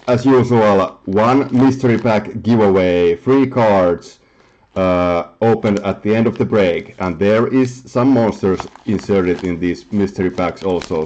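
Male host of a card break, slow and friendly, tripping over names now and then; muffled home recording. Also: fairly low pitch, darkish tone, a little hiss or hum. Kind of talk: casual hosting, reading out a list. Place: home apartment.

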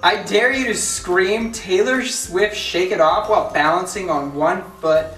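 A man's voice: high-pitched, measured pace, far from the mic. A young man hosting with casual, joking chat, recorded in a small bedroom from a camera a few feet away. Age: young adult. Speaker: video host. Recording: roomy, off-mic, music underneath. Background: music.

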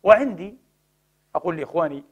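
Man, preacher, high-pitched voice, impassioned lecture, emphatic, loud then hushed, rhetorical questions. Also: lively intonation, fast talker. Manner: emphatic, swings between loud exhortation and hushed pleading; rhetorical questions answered himself.

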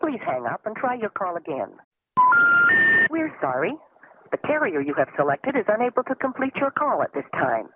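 A woman's voice: mid-range voice, moderate pace. A woman's recorded telephone intercept announcement, built from spliced-together words and read in a polite, formal manner. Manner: polite, even, formal phrasing. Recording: tinny phone line with loud hiss.

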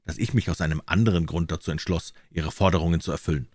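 A man doing a calm, menacing avenger. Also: low voice, fast talker, breathy edge, dry recording, studio quality. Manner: calm, controlled and threatening.

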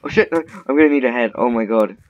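This fast-talking gamer has a medium-pitched, slightly mellow voice, recorded dry on a dull, muffled mic with faint noise. While making a Minecraft video, he chats casually, swearing and teasing his opponent.

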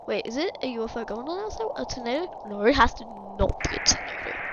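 A woman's voice: fairly high pitch, sing-song, fast, muffled recording, background noise. A woman doing chatty, easily startled let's-play commentary, often jumping at things. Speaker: gaming video creator.

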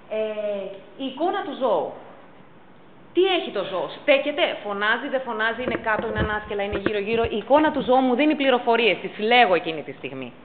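Woman teaching a crowd, animated voice, tinny lo-fi sound w/ a bit of hiss. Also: on the high side. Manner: emphatic, repeats key points. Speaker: first aid instructor. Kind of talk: public talk on pet first aid. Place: council chamber.

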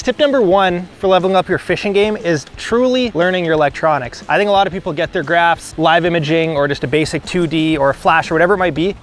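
A man in his thirties, standing in a boat on a lake, giving chatty, energetic fishing tips to the camera as a fishing pro. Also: fairly high pitch, a little hiss or hum.

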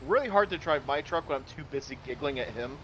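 A man's voice: mid-range voice, expressive, fast talker, fairly bright tone, a little hiss or hum. A man playing a driving game with friends, teasing his buddy in running commentary. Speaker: co-op gaming friend. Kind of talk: casual gaming chat.

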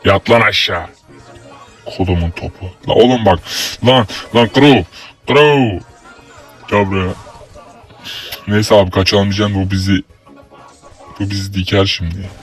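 A young man with a Turkish accent giving crude, swearing gameplay commentary, breaking into loud yells at opponents. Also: deep voice. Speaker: gaming YouTuber. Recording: faint game music behind.

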